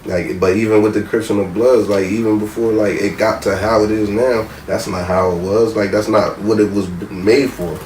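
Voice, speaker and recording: An American man in his thirties, a podcast panelist, chats casually and with strong opinions, using slangy, profane speech and repeating his verbal tags. His voice is lowish and a little mellow, steady in tone, at a normal speed with few pauses. The recording sounds roomy, with a distant mic and faint noise.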